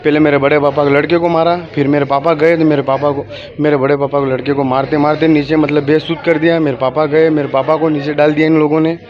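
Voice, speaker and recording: A man from a village telling an interviewer about an attack, halting and repeating himself. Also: fairly high pitch, little pitch movement. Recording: muffled lo-fi sound.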